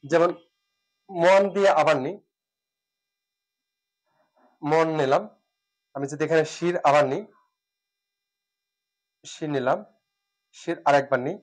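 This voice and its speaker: A man teaching spelling rules who speaks, repeats words, pauses with fillers and asks and answers his own questions. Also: on the high side. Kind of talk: classroom lesson.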